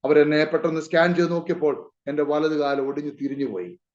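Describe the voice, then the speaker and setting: Man preaching a testimony, somewhat high voice, emotional, muffled lo-fi sound. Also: quick pace, echoey room. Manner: emotional, calls out to the congregation often. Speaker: pastor. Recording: muffled lo-fi recording.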